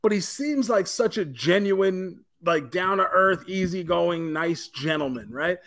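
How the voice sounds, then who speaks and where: A man's voice: sits high, measured pace. A man co-hosting a pop culture podcast, telling stories in casual chat with lots of swearing and acted-out quotes. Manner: profane, animated storytelling, acts out quotes. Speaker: podcast co-host.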